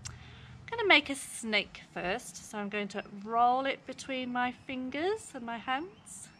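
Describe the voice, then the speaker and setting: A woman presents to small children in a broad, singsong delivery. Her voice sits fairly high and she takes her time, speaking outdoors with some background noise behind her. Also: animated, a little slow, a bit bright. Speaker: children's phonics teacher and presenter. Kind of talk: children's lesson to camera. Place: outdoors in a home backyard.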